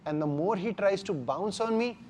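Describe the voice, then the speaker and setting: Indian-accented man coaching grappling, higher-pitched voice. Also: expressive, normal speed, darkish tone, a little hiss or hum. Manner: emphatic, short repeated phrases. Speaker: jiu-jitsu instructor. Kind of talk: hands-on martial arts class instruction. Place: indoor martial arts class.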